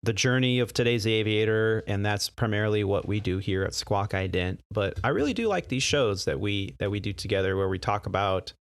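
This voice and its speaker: An American man co-hosting an aviation podcast in a relaxed, chatty way. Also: on the low side, a little fast, few pauses, no echo. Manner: relaxed, chatty, frequent fillers and restarts. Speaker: podcast co-host and airline pilot. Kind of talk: casual podcast chat.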